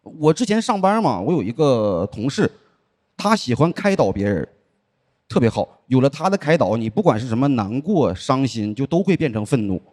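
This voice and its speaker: A man performing a stand-up comedy set on stage, telling stories in a dry deadpan way and acting out the people he quotes. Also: medium pitch, moderate pace. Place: comedy show stage with live audience. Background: audience laughter.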